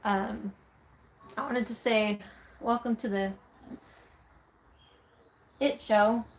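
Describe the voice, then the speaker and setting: Texan woman on a casual live stream, reads chat comments out loud, lots of um's, faint hiss behind. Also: a little high, steady tone, very slow. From Texas. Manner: chatty, reads viewer comments aloud with filler "um"s. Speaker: vlogger reading live chat.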